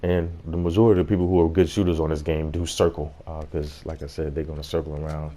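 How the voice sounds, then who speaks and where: A man's voice: very deep voice, little pitch movement, fast talker, mellow. A man giving a casual gameplay tutorial as host, explaining things in an informal way.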